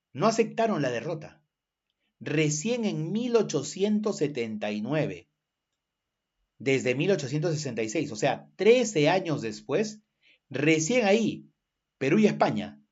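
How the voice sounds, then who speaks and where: A Peruvian man teaches history in a lively way, checking in with his students and acting out sound effects as he goes. His voice sits a bit high and moves slowly. The audio is dull and lo-fi, like an online class. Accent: Peruvian Spanish. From Callao, Peru.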